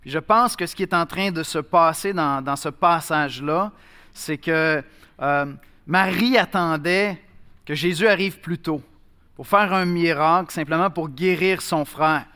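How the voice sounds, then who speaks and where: A man preaching in a conversational way, with pauses and restarts. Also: on the high side, pushed and bright, clear, resonant tone. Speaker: pastor. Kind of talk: sermon.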